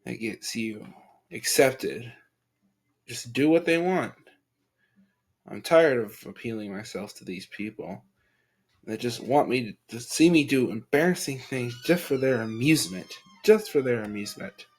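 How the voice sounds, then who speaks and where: A man talks in a tired, confessional way. His voice sits at a middle pitch and stays plain and unhurried. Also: animated, husky. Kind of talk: spoken reflective monologue.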